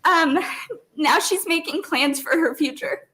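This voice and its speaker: High-voiced tearful woman testifying. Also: measured pace, bright, forceful tone. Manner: emotional, voice breaking, tearful. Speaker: parent testifying at a hearing. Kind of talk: public testimony.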